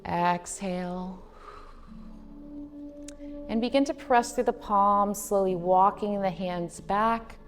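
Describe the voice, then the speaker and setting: A woman in her thirties leads a guided meditation in a reverberant space with faint music behind her. Her pitch is mid-range, and she gives soothing, measured instructions with gently drawn-out phrases. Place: indoors, decorated studio room.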